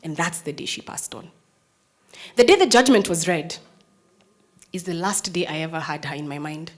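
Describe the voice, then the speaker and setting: This prosecutor, a woman in her thirties with a Kenyan English accent, shares a personal story with listeners. Her firm, strong voice sits on the low side with lively intonation and a normal pace, dropping to near-whispers and rising to loud emphasis.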